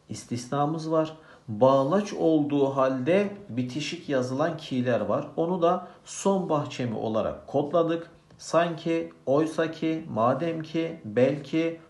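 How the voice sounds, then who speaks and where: A man's voice: fairly high pitch, darkish tone, echoey room. A man teaching a grammar lesson, asking questions and answering them himself.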